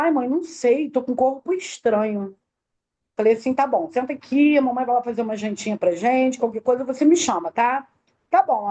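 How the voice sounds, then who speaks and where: Woman, middle-aged, fairly high voice, warm and mellow, detailed emotional testimony, acts out quoted dialogue. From Brazil. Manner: tells the story in detail, acting out quoted dialogue. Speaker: interview guest, bereaved mother.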